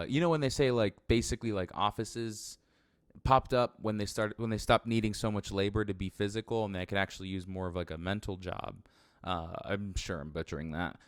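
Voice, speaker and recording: Recorded with clean studio sound and no echo, a man whose voice is on the low side delivers a casual, unscripted, rambling monologue in a sparsely furnished room. A first-time solo podcaster or vlogger, he's blunt and self-deprecating and swears a lot.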